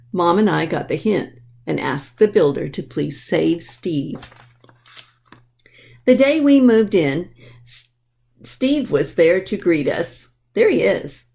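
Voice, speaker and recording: A woman with a darkish, mid-range voice and vocal fry presents a library storytime, reading a picture book to children. She speaks to the young listeners directly, making her explanations simple.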